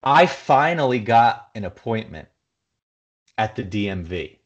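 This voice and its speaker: A man's voice: fairly low pitch, big pitch swings, measured pace, highs cut off. A married man from New Jersey co-hosting a podcast, ranting in casual chat and swearing often. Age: adult, married. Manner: profane ranting, grows loud and heated. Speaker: podcast co-host.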